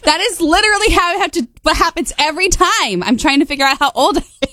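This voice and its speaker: A woman's voice: very high-pitched, lively intonation, fast, sharp tone. Giggly woman in her thirties. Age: 30s. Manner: giggly, scatterbrained, laughs often. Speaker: radio morning show co-host. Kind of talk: casual chat.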